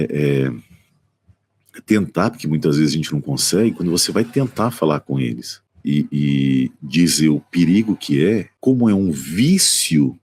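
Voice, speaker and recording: A Brazilian man with a very deep, gravelly and husky voice speaks on a live stream from his apartment. He talks as a psychotherapist addressing viewers directly. His delivery is conversational and full of rhetorical questions. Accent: Brazilian Portuguese. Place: apartment at home.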